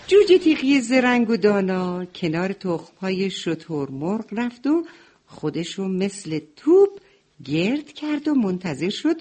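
A woman narrating a children's story in the role of a grandmother, expressive and tender. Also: mid-range voice, breathy edge.

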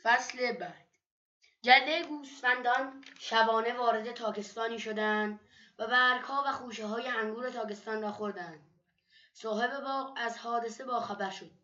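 A woman narrating religious stories from a book in a measured, steady storytelling manner. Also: fairly high pitch. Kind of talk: read-aloud book narration. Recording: dull lo-fi recording.

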